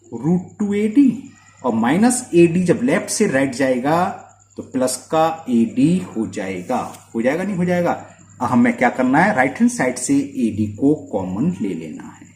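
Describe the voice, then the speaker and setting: Lively man teaching maths. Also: a little high, echoey room. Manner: checks understanding often with quick questions. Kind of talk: board-work maths lesson.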